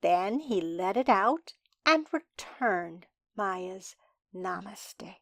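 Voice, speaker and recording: A woman reading a picture book aloud for a children's sermon, slowly and expressively. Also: medium pitch, no echo, clean studio sound. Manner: slow, expressive storybook reading.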